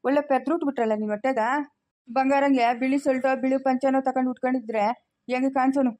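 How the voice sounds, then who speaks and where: A woman's voice: high voice, steady tone, fast, warm tone, lightly acted. A woman playing a scolding, exasperated elderly village mother, speaking in a comedy skit.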